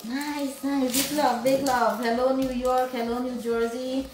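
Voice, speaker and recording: Talk as a woman hosting a live cooking stream from your kitchen. Keep it chatty and a touch high, and let the room ring a little around you. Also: little pitch movement, a little slow, darkish tone, a little hiss or hum. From Guyana. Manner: chatty, greets viewers by place. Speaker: cooking vlog host. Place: home kitchen. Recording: roomy kitchen echo.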